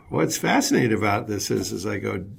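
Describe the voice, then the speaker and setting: A man's voice: fairly low pitch, gravelly, husky. A man presenting a business webinar as a leadership consultant, telling anecdotes and often repeating words as he restarts.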